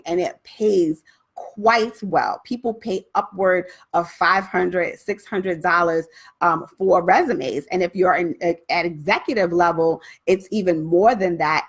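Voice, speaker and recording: A woman with a Brooklyn accent and a slightly husky voice, coaching viewers live in a casual, chatty way and addressing them directly. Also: fairly low pitch. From Brooklyn, New York. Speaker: writing coach hosting a live session.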